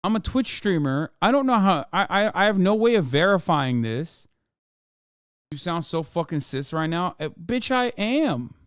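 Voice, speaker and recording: A Turkish-speaking man in his thirties streams a blunt, exasperated rant full of profanity, reacting casually into a close mic. His voice is high-pitched and very animated, yet he takes his time, and the sound is clean with no echo.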